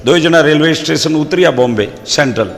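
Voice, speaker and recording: This stand-up comedian, a man with a Rajasthani accent, tells comic folk stories and quotes proverbs as a lively storyteller on stage. His voice sits a little high and sounds brisk and gravelly. A long hall reverb trails his words.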